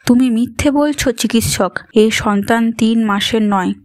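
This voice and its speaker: A woman's voice: a little high, a little slow, a little mellow, no echo, clean studio sound, natural voice. A woman voicing a scheming young empress who pleads tearfully and desperately. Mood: pleading.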